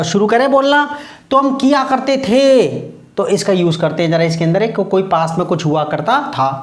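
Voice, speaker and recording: Patient male English teacher in an echoey room. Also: sits high. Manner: patient, repeats key words, quizzes students. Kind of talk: online English lesson.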